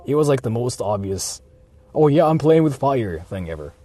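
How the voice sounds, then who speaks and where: Chatting on an IRL livestream from behind the wheel, a man rambles, repeats phrases, and swears freely. His medium-pitched, warm voice is very animated at a normal speed, with soft background music along with vehicle noise in the noisy car interior.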